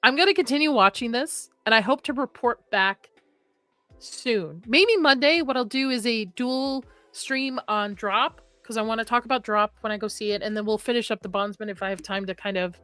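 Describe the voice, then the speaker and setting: Speaking at a moderate pace, a young adult woman runs a horror livestream, casually chatting, reading out comments, rambling and laughing a lot; Arabic was her first language. Her voice sits a little high and comes across pushed and bright. There's no room sound, just soft background music.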